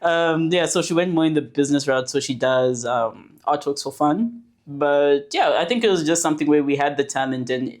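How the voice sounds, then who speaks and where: A woman in her twenties, born in Zambia and raised in South Africa, who is a guest on a podcast and tells her story in a relaxed, chatty way. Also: low voice, moderate pace, few pauses. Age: 20s. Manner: relaxed storytelling with fillers and restarts. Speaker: podcast guest, animation producer. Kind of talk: casual podcast interview.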